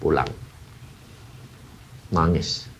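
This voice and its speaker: A man preaching a sermon and telling a personal story, moving between hushed and loud passages and acting out the people in it. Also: rumbling low, steady tone, drawn-out words, creaky, slightly rough, muffled recording. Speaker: evangelist preacher.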